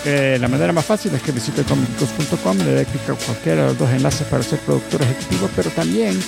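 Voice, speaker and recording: A man's voice: a little high, quick pace, gravelly. A man hosting a podcast like a playful ringmaster, grandly addressing his audience and slipping in joking asides. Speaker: podcast host and producer. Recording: music bed under the voice. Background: loud music.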